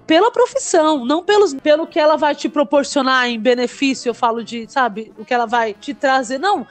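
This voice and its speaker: A Brazilian woman in her thirties, a comedian chatting casually and telling stories in an animated way, swearing freely. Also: high-pitched, fairly quick. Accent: Brazilian Portuguese. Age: 30s. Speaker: comedian, podcast guest. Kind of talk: casual chat.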